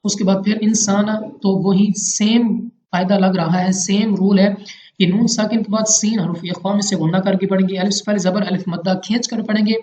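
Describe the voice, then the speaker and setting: A man's voice: high voice, steady tone, moderate pace, a little mellow. Man methodically explaining recitation rules. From Pakistan. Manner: patient, repeats each rule methodically. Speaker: Quran recitation teacher. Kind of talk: step-by-step tajweed lesson. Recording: roomy, dull lo-fi home recording.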